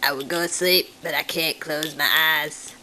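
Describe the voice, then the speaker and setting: A woman voicing a timid, childlike male puppet who is wary of cats, speaking slowly and simply to the children in a puppet show. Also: low-pitched, fairly even intonation, sharp tone, slight background noise, full character voice, low-quality recording. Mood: chatty. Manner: talks straight to the children, slow and simple.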